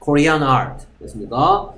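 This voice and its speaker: A man teaching English grammar to a class, talking briskly, checking often that students follow and reading English example sentences slowly. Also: fairly high pitch, animated, a bit bright, reverberant, rough recording.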